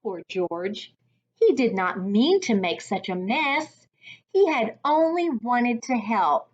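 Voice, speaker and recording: The recording is muffled as a woman with a somewhat high voice reads a picture book aloud. She tells it expressively and carefully, like a reading coach working with small children.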